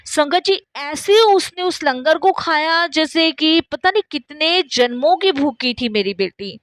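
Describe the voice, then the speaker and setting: A woman's voice: high-pitched, expressive, unhurried, dry recording, studio quality. A middle-aged woman telling her own devotional testimony, repeatedly addressing listeners and acting out the dialogue of people in her story. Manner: acts out quoted dialogue in story. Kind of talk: first-person spoken testimony.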